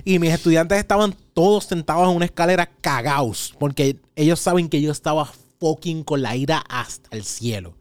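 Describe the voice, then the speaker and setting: A Puerto Rican man in his thirties, a podcast host, telling a story in casual chat and acting out his own shouts. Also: on the high side, brisk, hardly any pauses, no room sound. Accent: Puerto Rican Spanish.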